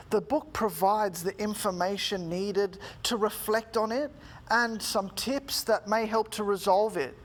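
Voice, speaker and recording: A man giving a prepared, formal talk in a measured, deliberate way, phrase by phrase. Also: sits high, a bit bright. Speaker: speaker giving a talk, student teacher.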